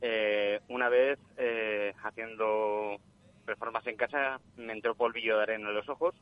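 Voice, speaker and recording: A man calling in to a show over the phone, telling anecdotes in an unhurried, chatty way. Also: lowish voice, steady tone, clean tone. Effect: heard over the phone. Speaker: caller. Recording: muffled phone line.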